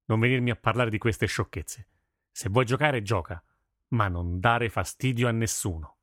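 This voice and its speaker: A man playing a burly, gruff blacksmith father who scolds with weary exasperation in a storybook reading. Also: fairly low pitch, moderate pace, a bit bright, no room sound, clean studio sound, lightly acted. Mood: exasperated.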